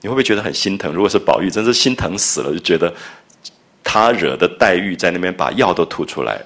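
Deep-voiced guy lecturing on an old novel, chatty, retells the scenes and paraphrases lines with a lot of push. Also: expressive, fast talker, fairly bright tone. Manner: conversational, paraphrasing and acting out quotes with rising emphasis. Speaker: lecturer on classical literature. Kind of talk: explanatory lecture with retold scenes.

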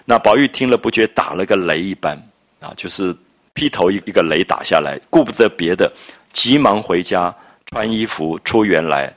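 A man lecturing on a classic novel, retelling scenes and explaining old phrases in a chatty, lively way. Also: low voice, moderate pace. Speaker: literature lecturer. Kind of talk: storytelling literature lecture.

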